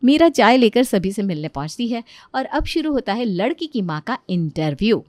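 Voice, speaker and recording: A woman's voice: a little high, sing-song, moderate pace, a little mellow, dry recording. A woman narrating a cartoon story in a chatty, scripted style, talking straight to the listener. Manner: chatty, addresses listener directly.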